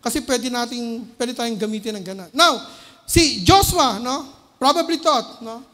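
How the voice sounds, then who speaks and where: A man with a Filipino accent preaching a sermon. He often asks the congregation "no?" and moves between loud urgent bursts and low quiet asides. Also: unhurried. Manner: keeps checking with the congregation by tagging "no?" onto phrases. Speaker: lay preacher. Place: church hall. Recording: long reverb of a church hall.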